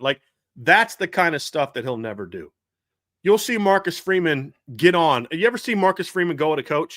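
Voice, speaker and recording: A man hosting a live sports talk show, talking in an animated, rambling way with frequent restarts. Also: on the high side, dry recording, clean studio sound. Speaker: podcast host.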